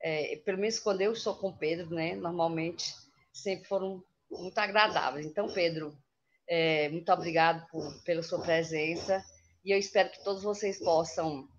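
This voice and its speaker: A woman's voice: fairly low pitch, fairly even intonation, moderate pace. Effusive woman introducing a guest. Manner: effusive, gushing praise. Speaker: course coordinator introducing speaker. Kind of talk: warm introduction. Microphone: video call. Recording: dull lo-fi video call audio.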